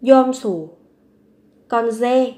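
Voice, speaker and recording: She draws her words out in a slightly high, darkish voice while teaching vocabulary. Every word is repeated slowly three times before she patiently explains it.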